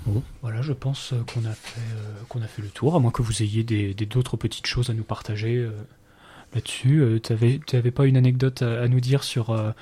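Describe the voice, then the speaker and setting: Male host for a casual film chat. Husky, mellow voice, relaxed delivery. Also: mid-range voice, normal speed. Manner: relaxed, conversational presenter. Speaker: radio show host.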